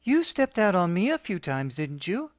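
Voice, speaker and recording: A man's voice: sits high, big pitch swings, normal speed, no room sound, studio quality, voice pushed up. A man voicing a cool, cutting wife speaking over the phone.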